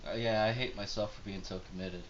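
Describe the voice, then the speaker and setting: Guy w a lowish voice, mouth on fire from spicy food, runny nose, rambling to camera, muffled home video. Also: fairly even intonation, fast, a bit bright. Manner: rambling, self-deprecating. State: mouth burning from hot pepper, runny nose. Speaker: challenge host. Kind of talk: casual talk to camera during a pepper challenge. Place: indoors at home. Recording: dull lo-fi home video, faint noise.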